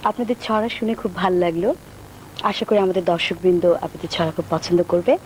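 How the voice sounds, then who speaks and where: A woman's voice: on the low side, fast talker. A woman with a Bangladeshi accent hosting a formal television interview in a studio. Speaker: TV interview host. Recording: noisy old TV studio tape.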